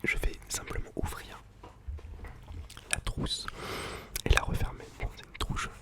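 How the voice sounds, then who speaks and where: The speaker, a man who makes ASMR videos, whispers near the microphone. He repeats foreign vocabulary slowly in a relaxed, slangy way.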